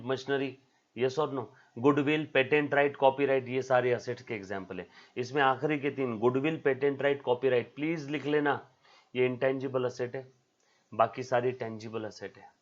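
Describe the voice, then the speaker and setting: A man teaching a commerce class on video, repeating his points over and over and calling the students "beta". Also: medium pitch. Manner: repetitive, drilling, calls students "beta". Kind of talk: recorded video lecture. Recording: slightly dull lo-fi sound.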